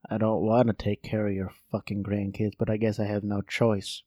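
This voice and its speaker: A man voicing a resentful old grandmother who curses at her family in a low, slow, muttered voice. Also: little pitch movement, mellow, dry recording, clean studio sound, natural voice. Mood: bitter. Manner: growling, profane, slow.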